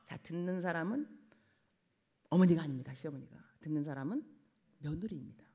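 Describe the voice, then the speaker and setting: A middle-aged woman missionary preaching a sermon in a church, acting out quoted family talk in lively voices. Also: low voice, brisk. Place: church sanctuary.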